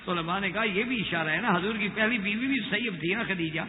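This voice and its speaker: High-voiced man preaching in an echoing hall. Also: slight background noise. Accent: Pakistani Urdu. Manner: animated retelling, acting out quoted speech. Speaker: Islamic scholar lecturing. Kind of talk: sermon storytelling. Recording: echoey hall over a tinny, lo-fi line.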